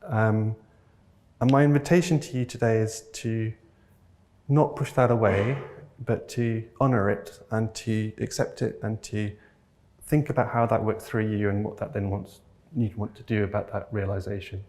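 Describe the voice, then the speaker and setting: A keynote speaker from North Wales gives a reflective conference talk before an audience at the venue. His fairly low voice holds a steady tone at moderate pace, and he is earnest and gently enthusiastic, a little hesitant while searching for words.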